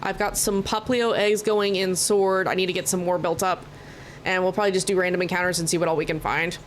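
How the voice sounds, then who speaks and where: An American woman from Oklahoma livestreams a video game, rambling casually and swearing now and then while sounding a bit tired. Her voice is on the low side with little pitch movement, and she talks fairly quickly. Noticeable background noise sits behind the mic.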